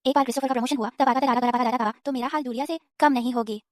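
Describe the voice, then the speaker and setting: A jealous young wife, as a woman plays her, in a dubbed drama, bitter and scheming. The voice is high and recorded dry and close. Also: steady tone, racing, dry recording, natural voice. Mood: complaining. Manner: resentful and scheming. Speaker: officer's wife, the sister.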